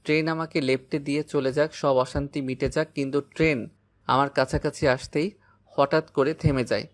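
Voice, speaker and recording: A man's voice: fairly high pitch, fairly even intonation, moderate pace. A man narrating a dramatic first-person audio story, anxious and despairing.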